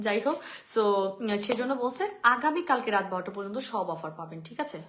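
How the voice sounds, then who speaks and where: A woman's voice: fairly high pitch, animated, quick pace, fairly bright tone, slight background noise. A young woman hosting a live shopping stream on her phone, chatting through skincare prices and answering viewers. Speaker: online skincare seller.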